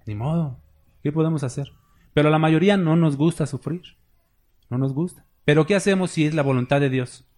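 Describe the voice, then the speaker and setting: A man's voice: on the high side, brisk, darkish tone. A man preaching a sermon as a pastor. He talks in a conversational way and keeps checking in with the congregation with short tag questions. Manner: conversational preaching, tags points with "¿verdad?" and "¿sí?".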